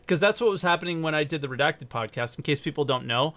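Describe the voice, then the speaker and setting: A man's voice: on the high side, expressive, fast talker, fairly bright tone. A man hosting a casual gaming podcast, rambling and correcting himself as he explains background. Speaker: podcast host. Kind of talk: casual chat.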